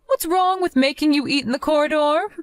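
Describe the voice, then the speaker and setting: A woman voicing a middle-aged mother who calmly and pointedly questions her son-in-law in a dramatized chat story. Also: sits high, a little fast, no room sound, natural voice.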